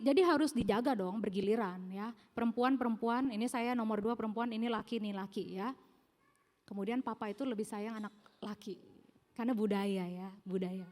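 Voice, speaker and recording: A middle-aged woman preaching a sermon, telling her own story in an animated way and acting out the voices of people she quotes. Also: on the high side. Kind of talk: sermon with personal testimony. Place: large church hall. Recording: long church hall reverb.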